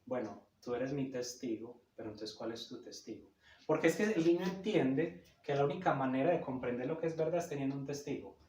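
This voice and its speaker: A man's voice: mid-range voice, a little fast, darkish tone, slight background noise. Male lecturer, emphatic teaching tone, echoey room, sits back from the mic. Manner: didactic, emphatic, checks in with "cierto?". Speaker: psychoanalysis lecturer. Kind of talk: explanatory talk on psychoanalysis. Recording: roomy echo, a bit far from the mic.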